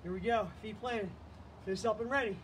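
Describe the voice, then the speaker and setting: A man's voice: sits high, normal speed, a bit bright. A man leading a live online workout class as fitness instructor, calling out counts and cues with energy. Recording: distant mic, faint background noise.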